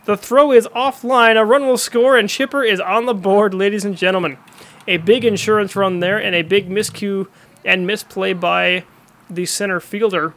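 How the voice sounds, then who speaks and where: A man's voice: sits high, a bit bright. A man giving play-by-play commentary on a baseball game, with dramatic announcer-style calls.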